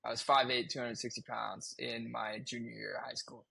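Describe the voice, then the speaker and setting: Gravelly man telling a candid story. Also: medium pitch, little pitch movement, moderate pace, sharp tone, no echo. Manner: candid, swears freely, frequent restarts. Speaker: podcast guest. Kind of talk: casual storytelling chat.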